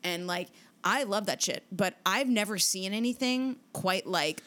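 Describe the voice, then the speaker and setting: A woman's voice: mid-range voice, unhurried, fairly bright tone. A woman co-hosting a casual podcast chat, telling a story with energy, swearing freely and acting out what people said. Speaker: podcast co-host.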